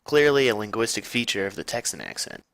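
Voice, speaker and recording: A man's voice: fairly low pitch, big pitch swings, fast, fairly bright tone, no room sound, low-quality recording. A young man presenting a class video essay, reading aloud plainly with small slips and fillers. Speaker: student presenter.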